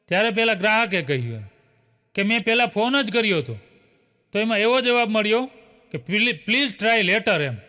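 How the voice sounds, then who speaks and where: A man rattles off short jokes in a high, bright voice. He chuckles often as he goes and tags his lines with a filler. His voice rings with a long hall reverb. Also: animated, fairly quick. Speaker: joke teller. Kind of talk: telling a string of short jokes.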